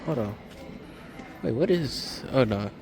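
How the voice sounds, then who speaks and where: An enthusiastic hobbyist, medium-pitched with lively intonation and a slow pace, narrates an off-the-cuff tour of a big hardware store for his video. He's an amateur video maker, and background noise plus store music can be heard.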